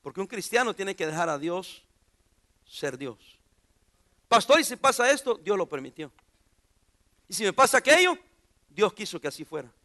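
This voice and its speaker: A man's voice: high voice, big pitch swings, moderate pace, pauses often, sharp tone. A pastor preaching an informal sermon in a church, joking and putting questions to his congregation.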